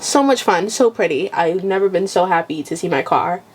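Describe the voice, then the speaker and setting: A woman's voice: fairly low pitch, moderate pace, breathy edge, low-quality recording. Young woman, blunt casual podcast chat. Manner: blunt, swears freely, animated retelling. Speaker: podcast co-host.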